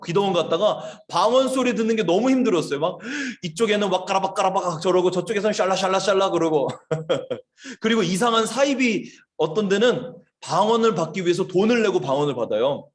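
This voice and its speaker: A man, a missionary, giving a lively children's sermon, telling stories and asking the kids questions. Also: high-pitched, brisk. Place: church service, online.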